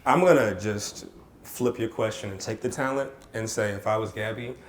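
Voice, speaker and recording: A man's voice: lowish voice, moderate pace, a little hiss or hum. Joking young man in casual chat. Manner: joking, acts out bits.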